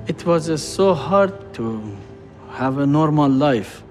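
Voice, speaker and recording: A man, telling his story in halting, broken English for a documentary interview. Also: a little high, lively intonation, music in the background. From Iran.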